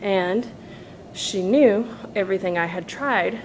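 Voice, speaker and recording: A woman's voice: medium pitch, slow. Woman vlogging on a walk, noisy background. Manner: talking while walking laps, slightly tired; chatty, informal. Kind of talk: casual personal vlog talk. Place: walking laps, phone recording.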